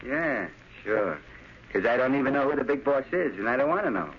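A man's voice: mid-range voice, lively intonation, fairly quick, background noise, natural voice. Man acting a surly gangster henchman, dull old recording. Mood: gruff, wary. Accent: American. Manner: curt, slangy, threatening. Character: tough, menacing male gangster henchman, slangy and surly. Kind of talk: 1930s radio crime drama acting.

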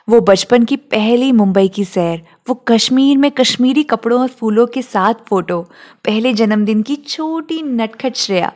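Brief: female narrator, tender reflective storytelling, a touch high-pitched. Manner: gentle, emotional, reflective.

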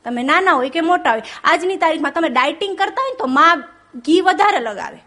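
A woman with a Gujarati accent doing stand-up, telling jokes and stories and reciting verses slowly. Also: very high voice, expressive, sharp tone. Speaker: stand-up comedian.

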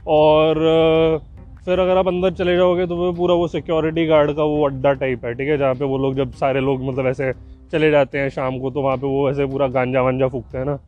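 A man's voice: on the high side, little pitch movement, brisk, narrow, tinny audio, soft background music. A young man hosting a podcast, joking and rambling as he describes a car showroom outdoors, mixing Hindi with English. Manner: jokey, chatty, mixes Hindi with English. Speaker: podcast host. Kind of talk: rambling walk-and-talk commentary.

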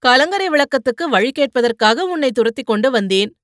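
A woman's voice: high-pitched, lively intonation, a little fast, fairly bright tone, no echo, clean studio sound. A woman voicing a vain, teasing young warrior. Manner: playful, joking banter.

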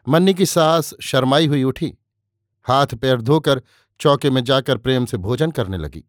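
A man giving a measured, unhurried narration of a novel as an audiobook. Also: mid-range voice, no room sound, clean studio sound.

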